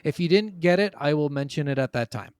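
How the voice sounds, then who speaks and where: A man with a fairly high, smooth voice and lively intonation hosts a gaming podcast, telling video game stories briskly and informally with plenty of swearing. The audio is studio quality, with no room sound.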